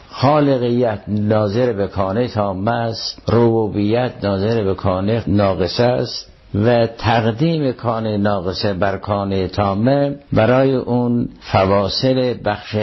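A man giving a measured, explanatory lecture of Quran commentary. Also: lowish voice, muffled recording. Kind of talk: scholarly Quran exegesis lecture.

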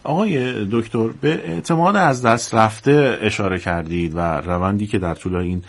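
A man's voice: lowish voice, vocal fry. A man interviewing a guest, asking long, polite and formal questions with the odd filler.

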